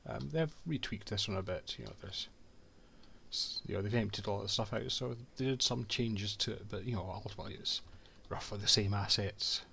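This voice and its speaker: A man's voice: on the low side, brisk, creaky, bright, forceful tone, a little hiss or hum. A man giving casual commentary over a video game, full of dry, sarcastic asides. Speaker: game streamer.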